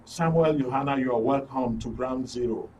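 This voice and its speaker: Hosting a live current affairs programme on radio and TV, a Nigerian-accented man keeps things informal and jokey in a broadcast studio. He speaks at normal speed with a medium-pitched, dark voice, picked up by a distant mic in a noisy studio.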